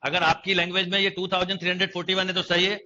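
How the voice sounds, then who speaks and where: A young man lectures a maths class in a high, very bright voice, constantly checking that the students follow. The recording is dull and lo-fi, like a streamed coaching session. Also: monotone, rapid-fire, a little hiss or hum. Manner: questioning students, repeating phrases. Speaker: maths teacher.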